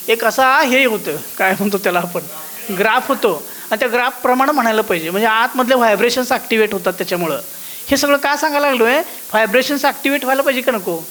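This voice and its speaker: A man's voice: very high-pitched, sharp tone, a little hiss or hum, low-quality recording. A man with a thin voice teaching a devotional course, often asking his listeners whether they follow and singing out the musical notes as he explains them.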